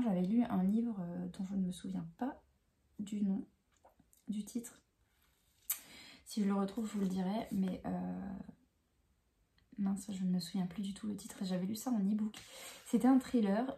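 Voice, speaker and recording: A woman chatting casually about a book she read, hesitant and full of fillers and restarts, often dropping into soft whispery phrases. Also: medium pitch, creaky. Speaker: book reviewer. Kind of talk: casual book review chat.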